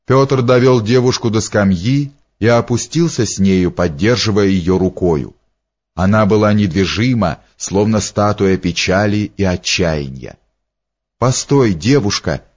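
A man reads a story aloud at a very slow, measured pace, his voice fairly low. The recording is dull and lo-fi, as from an old tape. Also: a little mellow. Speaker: narrator. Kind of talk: audiobook narration.

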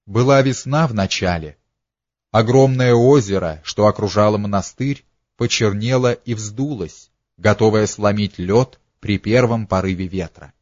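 Slow, low-voiced male storyteller. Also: darkish tone, dry recording, lo-fi sound. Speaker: narrator. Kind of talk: literary story reading.

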